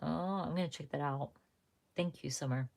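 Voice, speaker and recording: A young woman with a low, deep-set voice talks casually to viewers while she crafts on a livestream. Her talk rambles and she keeps stopping to correct herself. It sounds like a relaxed live chat. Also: brisk, gravelly.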